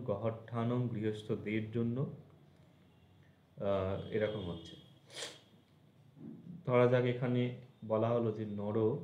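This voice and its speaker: Male teacher with Bengali accent; unhurried, methodical, spells out endings; recorded in an echoey room. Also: fairly low pitch, muffled recording. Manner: slow, patient, spells out word endings syllable by syllable. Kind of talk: language lesson.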